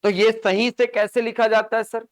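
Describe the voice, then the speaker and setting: High-voiced grammar teacher, clear. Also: male voice, flat delivery, moderate pace, dry recording, clean studio sound. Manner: explains with examples and frequent rhetorical check-ins to the class. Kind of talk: live coaching class lecture.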